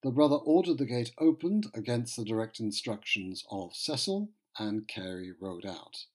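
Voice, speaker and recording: A man's voice: fairly low pitch, expressive, moderate pace. A man narrating history from a script, in a wry, conversational storytelling manner with joking asides.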